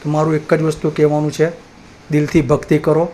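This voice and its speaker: A man tells a devotional story to his channel's viewers in a fairly high voice. He acts out the lines of the story's characters himself and clears his throat from time to time. Faint noise sits under the recording. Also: completely flat delivery, brisk, warm tone.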